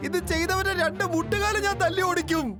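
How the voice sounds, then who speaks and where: A woman's voice: very high-pitched, fairly even intonation, brisk, pitched above the performer's own voice. A woman voicing a tearful older man, a poet, over cartoon music. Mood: sobbing. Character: weepy older man, a poet sobbing over spicy pickle. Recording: music behind.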